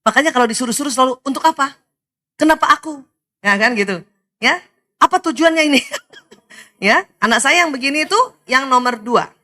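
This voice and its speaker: Animated high-voiced Indonesian woman lecturing. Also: fairly quick, long pauses. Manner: animated, laughs often, addresses audience directly. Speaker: speaker giving an Islamic study talk. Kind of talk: lively religious lecture to women.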